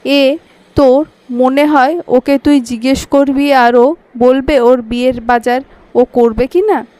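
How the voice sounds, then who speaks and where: A woman's voice: sits high, steady tone, slow, mellow, no room sound. Woman doing a teasing joking uncle. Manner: playful, teasing.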